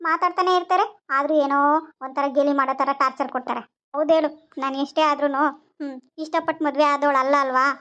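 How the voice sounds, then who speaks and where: An actress playing a sharp-tongued young second wife who talks in a sulky, complaining way. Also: female voice, high-pitched, steady tone, fast talker, lo-fi sound.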